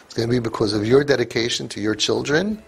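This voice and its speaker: Speaking fast in a creaky, husky, medium-pitched voice, a man addresses parents with an emphatic motivational talk. He repeats phrases for emphasis and sprinkles in Yiddish and Hebrew words.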